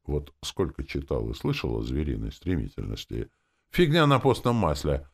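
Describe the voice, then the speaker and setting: A man narrating a first-person audiobook with wry, expressive delivery. His voice is very deep and gravelly, yet his pitch rises and falls in lively swings. The reading stays close and performed. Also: normal speed. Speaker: audiobook reader.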